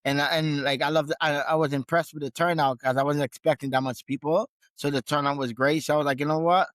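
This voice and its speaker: A man from Guyana, a gym owner and trainer, chatting casually as a podcast guest, relaxed and often restarting his sentences. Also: a little high, fast talker, dry recording. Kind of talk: casual interview conversation.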